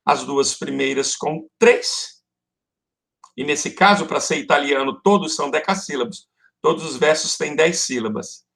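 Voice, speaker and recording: A Brazilian-accented man teaching an online lesson at an unhurried pace, with a fairly high voice for a man. He explains each point patiently and speaks affectionately to his students, like a caring teacher walking them through the material. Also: vocal fry, fairly bright tone. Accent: Brazilian Portuguese. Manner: affectionate, calls students "love" and "folks". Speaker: Portuguese teacher. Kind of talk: online class lecture.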